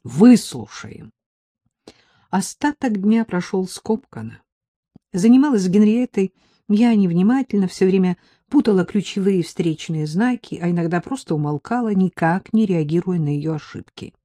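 A woman reading a first-person audiobook in a measured, anxious inner voice. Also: medium pitch, warm tone, no room sound, studio quality. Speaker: audiobook narrator.

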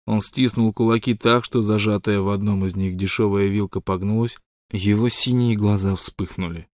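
A man narrating an audiobook in an even, measured way. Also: fairly low pitch, no room sound, clean studio sound. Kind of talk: scripted narration.

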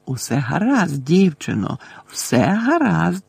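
A man reading an audiobook voices a cruel, sugary middle-aged woman professor who speaks slowly with gloating, breathy menace. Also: fairly high pitch, big pitch swings, darkish tone, no room sound, voice pushed up, heavily acted. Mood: triumphant.

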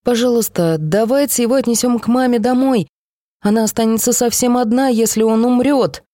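A woman's voice: fairly high pitch, fairly quick, warm tone, no echo, clean studio sound, pitched above the performer's own voice, lightly acted. A woman reading the part of a young one-armed girl who pleads and speaks through tears. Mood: pleading.

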